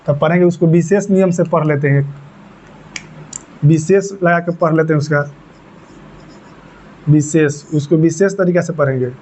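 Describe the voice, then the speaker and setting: A man's voice: a little high, fairly even intonation, moderate pace, long pauses, a little mellow, slight background noise. A man teaching a grammar lesson step by step, repeating points and asking and answering his own questions. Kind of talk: classroom lesson. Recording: dull lo-fi recording.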